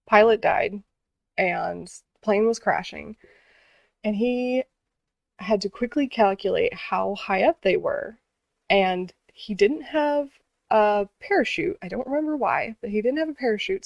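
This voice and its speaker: A woman's voice: on the high side, no echo, highs cut off. A woman vlogger telling a story in a casual, earnest way, with many fillers and restarts.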